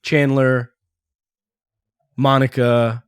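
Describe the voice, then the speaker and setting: A man's voice: medium pitch, very slow, smooth, dry recording, studio quality. A middle-aged man, co-hosting a casual podcast chat and acting out old sayings with gusto. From Texas. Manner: animated storyteller, acts out old sayings. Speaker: podcast co-host, father.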